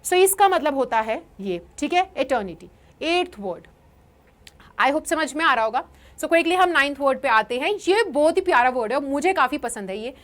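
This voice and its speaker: A young Indian woman teaching English vocabulary in a lively online lesson, explaining in Hindi and reading English examples slowly. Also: sits high.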